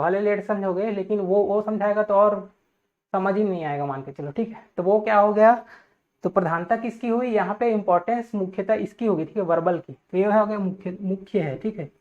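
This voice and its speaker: A man teaching a class, explaining points step by step, checking in with "okay" after nearly every phrase and putting questions to his students. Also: sits high. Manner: repeats "theek hai" constantly, asks students questions. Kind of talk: classroom lecture. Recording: tinny phone-like audio.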